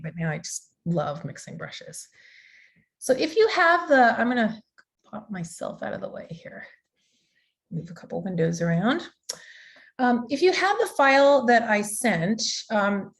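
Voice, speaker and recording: A woman's voice: fairly low pitch, vocal fry. A woman teaching an online digital art workshop over a video call, chatty and loose, with many fillers and restarts.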